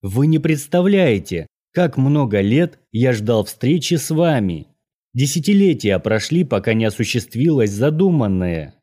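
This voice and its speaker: A man voicing an old Norwegian mage, courteous and menacing, who speaks in a measured, formal, lecturing way. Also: medium pitch, sing-song, dark tone. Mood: earnest.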